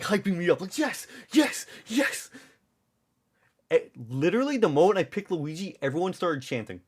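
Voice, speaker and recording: A man livestreaming from home, telling a rambling story with lots of swearing and self-mocking jokes. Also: mid-range voice. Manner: rambling, profane, self-mocking, with frequent restarts.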